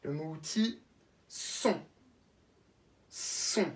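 A woman first-grade teacher giving a slow dictation lesson to young children, spelling each word out letter by letter and repeating it. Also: low-pitched, expressive, a little mellow. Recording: echoey room, voice from a distance.

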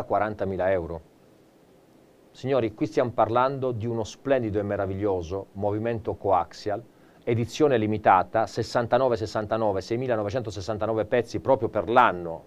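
A male presenter giving a live TV shopping pitch, theatrical and enthusiastic, turning often to an off-screen colleague. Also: brisk, dull audio. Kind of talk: live teleshopping sales pitch.

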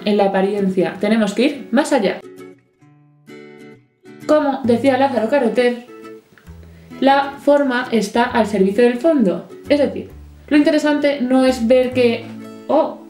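A woman from Spain giving a lively, chatty poetry lesson with playful asides. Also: fairly high pitch. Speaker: literature teacher. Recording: echoey room, soft guitar music.

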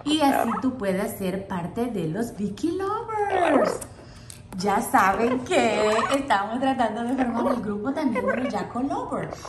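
A woman's voice: fairly high pitch, big pitch swings, measured pace. A woman vlogger chatting casually to viewers and cooing affectionately at her parrot and cat at home. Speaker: pet vlogger, parrot owner. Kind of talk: casual vlog chat with pets. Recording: echoey room with loud background noise.

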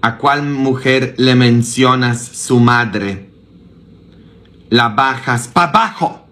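Slow-talking priest with a sore throat. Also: male voice, medium pitch, a bit bright. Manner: peppers his talk with rhetorical questions to the listeners; calls out a sing-song "hello, hello" greeting. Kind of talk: casual preaching to an online audience.

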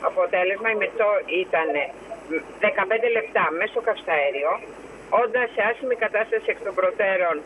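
A woman's voice: mid-range voice, a bit bright, slight background noise, low-quality recording. A woman phoning in to a show, agitated and indignant as she recounts a complaint. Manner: agitated, indignant, fast retelling with quoted dialogue. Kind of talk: phone-in interview, recounting a complaint.

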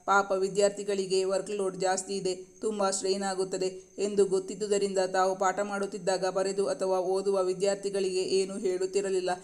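A male storyteller with a fairly high voice that barely moves in pitch. He reads a scripted romance story in an even, measured way. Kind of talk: scripted narration.

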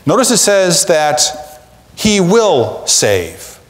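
A middle-aged male pastor preaching a sermon, swinging from emphatic peaks down to hushed asides. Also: sits high, wildly swooping pitch, very slow. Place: church sanctuary. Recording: long reverb of a large hall.

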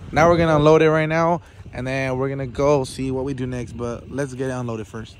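A man's voice: mid-range voice, fairly even intonation, brisk, a crowd in the background. A young man filming a casual road-trip vlog on his phone, loose, profane and joking with friends. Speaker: vlogger. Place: gas station, car and new house. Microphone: handheld phone camera.

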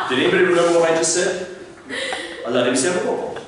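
A man giving a lively classroom lecture, acting out little mock conversations with jumps into high, squeaky voices. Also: background noise. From Canada. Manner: animated, acts out mock dialogues in squeaky voices. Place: lecture room. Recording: echoey room from a distant mic.

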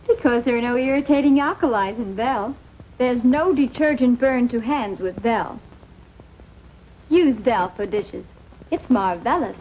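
Woman acting an assured, high-voiced housewife. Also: measured pace, close to an everyday voice. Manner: emphatic, instructive. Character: assured housewife demonstrating dish soap. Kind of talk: 1950s TV commercial demonstration. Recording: dull, noisy vintage TV soundtrack.

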